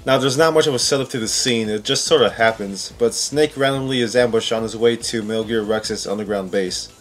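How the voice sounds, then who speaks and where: This man's voice sits fairly low, and he speaks quite quickly. Music plays behind him as he sarcastically counts down video game scenes, informal and often cursing in disbelief.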